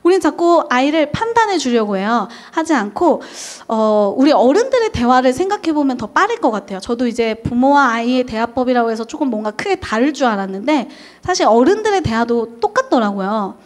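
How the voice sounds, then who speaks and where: A woman's voice: high voice, big pitch swings, fairly quick, few pauses. A young woman who teaches at a daycare, lecturing parents on how to talk with children and acting out quoted parent and child lines. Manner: frequent "어" fillers, talks straight to parents.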